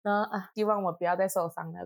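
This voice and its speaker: Young Taiwanese woman, podcast co-host, lively exasperated storyteller, dry close mic. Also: mid-range voice, quick pace, creaky, no echo. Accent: Taiwanese Mandarin. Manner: animated storytelling, exasperated, laughing often. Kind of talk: casual chat.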